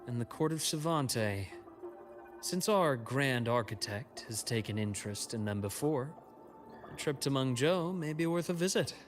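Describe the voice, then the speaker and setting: An actor playing a calm, secretive male informant in a video game, delivering grave, deliberate exposition. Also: mid-range voice, soft background music, natural voice.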